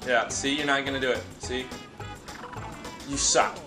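A man's voice: medium pitch, steady tone, measured pace, bright, forceful tone, faint music behind. A young man giving casual, joking commentary while playing a video game, teasing his co-host. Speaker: let's play co-host.

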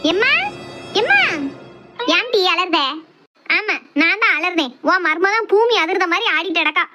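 In a comedy skit over loud music, a woman with a Kanyakumari Tamil accent plays a loud, dramatic sister-in-law who keeps accusing her family. Her voice is very high and brisk.

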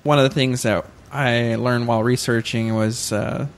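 A man's voice: mid-range voice, steady tone, normal speed. Hesitant man recounting research on a podcast. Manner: hesitant, self-correcting, many fillers. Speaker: podcast co-host.

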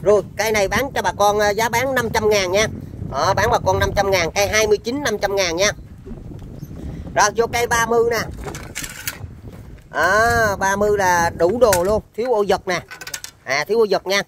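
A man's voice: high-pitched, moderate pace, long pauses, noisy background. A man with a Southern Vietnamese accent giving an informal sales demonstration of used machinery, in chatty, repetitive patter.

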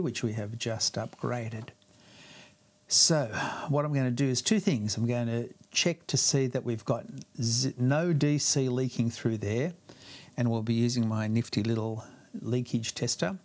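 Male amp tech talking viewers through a bench repair: conversational, mid-pitched, explains as he works, pokes fun at himself. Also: darkish tone. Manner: chatty, explains step by step while working. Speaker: guitar amp repair technician. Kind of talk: hands-on repair tutorial.

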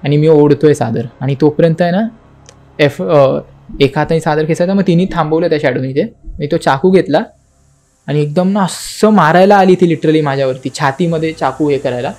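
A man's voice: a little high, normal speed, darkish tone. A young man, a podcast guest, telling a spooky story in casual talk, acting out the quotes and the knocking, with English words mixed into his speech. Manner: dramatic retelling, acting out quotes and knocking sounds.

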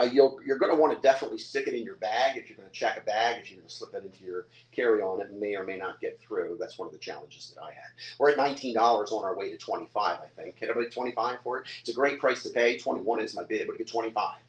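A man's voice: lowish voice, fast, few pauses. An older man running a live-stream auction, describing each item in a chatty salesman patter and calling out bids. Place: hotel room or lounge, indoors. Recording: echoey room.

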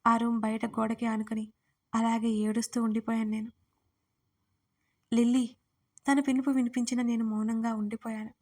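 A woman's voice: on the high side, flat delivery, fairly quick, a little mellow. A woman narrating a romance audiobook in the first person, telling it in a heartfelt, tearful way. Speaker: storyteller and writer.

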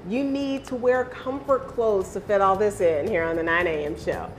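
A woman's voice: mid-range voice, normal speed, soft background music. A woman hosting a live morning TV segment on a studio kitchen set, upbeat and echoing her guest's words. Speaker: TV morning show host. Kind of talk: live TV interview.

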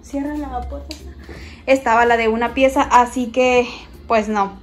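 This vlogger speaks a little slowly in a steady, slightly high voice while filming a relaxed tour of her small home on a handheld phone. She walks as she talks, addressing viewers like friends, with music in the background.

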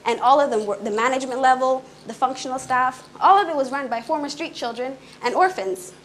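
A young woman who grew up in Canada gives an earnest, fluent public talk on stage in a small indoor room, speaking quickly with brief restarts. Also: high voice, slight background noise, rough recording. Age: young adult. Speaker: conference speaker.

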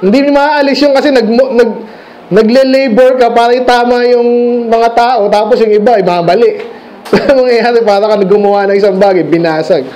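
High-voiced man preaching a conversational sermon. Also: normal speed, a little mellow, low-quality recording. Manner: conversational, asks the congregation questions; mixes English phrases into his speech. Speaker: pastor. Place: church sanctuary.

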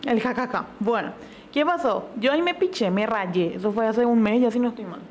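A young woman tells gossip on a stream in a lively, chatty way, full of fillers. Her voice sits fairly high. There is faint noise behind her. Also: brisk. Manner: animated storytelling with frequent fillers. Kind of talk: casual gossip chat.

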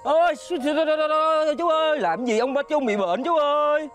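A man doing a cheeky, flattering young sidekick with a Southern Vietnamese accent and a strikingly high voice. He talks in a run of exclamations, eager to please, while music plays clearly behind him. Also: moderate pace. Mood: exclaiming. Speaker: young nephew and adviser in a comedy sketch. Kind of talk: southern Vietnamese comedy sketch acting.

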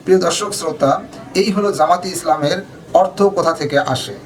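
A man narrating for an online news channel, reading out a long list of names in a steady flow, with a Bangladeshi Bengali accent. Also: on the high side, quick pace, soft background music, poor audio.

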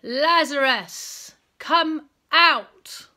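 A woman reading a gentle, solemn Jesus. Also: a little high, takes it slowly. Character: calm sorrowful Jesus, grown man.

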